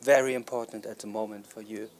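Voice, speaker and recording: A man's voice: fairly low pitch, steady tone, fast, darkish tone, no echo. A man asking casual questions as an interviewer, feeling his way through the wording.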